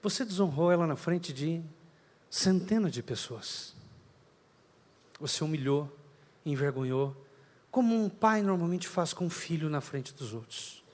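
A stern, accusing voice of guilt, put on by a man, quiet and reproachful. It carries a long hall reverb, and the pitch sits high for a man. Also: lively intonation, measured pace, long pauses.

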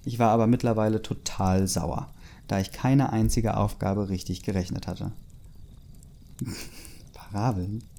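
Mellow-voiced young man reading a story aloud. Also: lowish voice, steady tone, moderate pace, vocal fry, slight background noise. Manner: reads loosely, interrupts with asides and chuckles. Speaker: story reader. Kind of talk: casual read-aloud of a fan story with comments.

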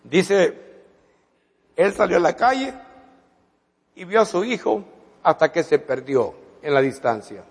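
A man with a fairly high voice tells a story from the pulpit, dramatizing it as he goes. His sermon rings out with a long reverb, as if recorded in a large hall. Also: lively intonation, measured pace, creaky, pauses often, breathy edge. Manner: dramatic retelling with quoted dialogue. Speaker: preacher.

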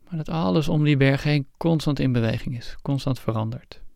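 A man with a noticeably creaky voice leads a guided meditation. His delivery is calm and unhurried, giving gentle instructions with pauses between phrases. The sound is dry and close, with very little room. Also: medium pitch, dry recording. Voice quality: creaky, gravelly fry. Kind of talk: guided meditation, slow visualisation narration.

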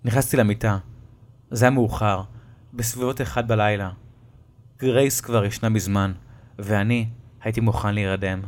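A man telling a first-person horror story in a measured way, with dramatic pauses. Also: lowish voice, steady tone.

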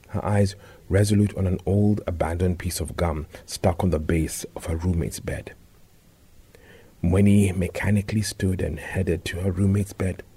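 A man reading a story aloud in a measured, scripted narration. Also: low-pitched, warm tone, husky.

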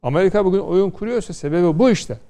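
A man's voice: sits high, lively intonation, quick pace, dark tone. A middle-aged man from Konya, a law scholar on a studio panel, lecturing and telling stories with rhetorical questions. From Turkey, Konya.

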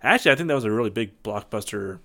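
A man's voice: fairly low pitch, expressive, racing, vocal fry, bright, forceful tone. A man in his twenties hosting a podcast in casual chat, jokey, laughing often and trailing off with ums. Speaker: podcast host.

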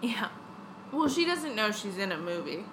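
A woman's voice: mid-range voice, big pitch swings, normal speed, background noise. A woman chatting casually while watching a movie, laughing often and trailing off with "I don't know.". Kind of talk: casual chat.

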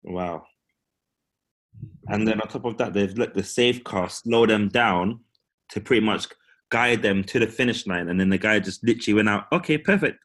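A man with a fairly low voice shares opinions in a casual discussion. He is emphatic, breaking his points into short, firm phrases. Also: steady tone, normal speed, a bit bright.

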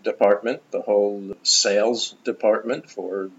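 An older man, a guest in an interview, telling stories in an animated, enthusiastic way. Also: fairly low pitch, measured pace, dull audio. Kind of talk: conversational storytelling.

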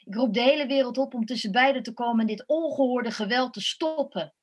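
A woman's voice: a little high, fairly quick, lo-fi sound, close to an everyday voice. An actress playing a distraught female opposition figure making an urgent plea to the world. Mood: pleading. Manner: urgent, pleading.

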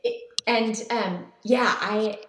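A woman researcher answering interview questions in a thoughtful, measured, articulate way. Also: on the high side. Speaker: guest researcher. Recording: roomy, echoey remote connection.

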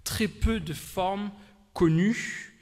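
A man delivers a sermon in short, earnest bursts, pausing between phrases. His voice sits a little high. A long hall reverb trails each phrase. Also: darkish tone. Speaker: preacher. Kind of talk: sermon with live interpretation.

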